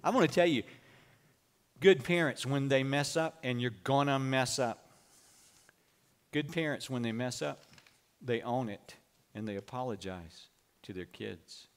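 A man's voice: medium pitch, unhurried, pauses often. A man preaching a sermon, telling folksy stories from the pulpit. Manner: folksy storytelling preacher, lively delivery. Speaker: pastor.

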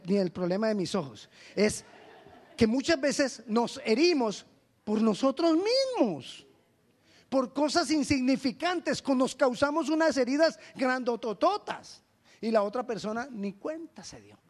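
A male pastor preaching a lively sermon, acting out little dialogues with humor. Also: extremely high pitch, moderate pace.

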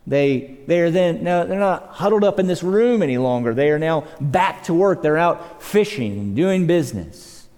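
A man's voice: fairly high pitch, lively intonation, normal speed, hardly any pauses, darkish tone. A man preaching a sermon as pastor, earnest and emphatic, repeating words as he builds a point and letting his voice rise and fall. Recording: long reverb of a church hall.

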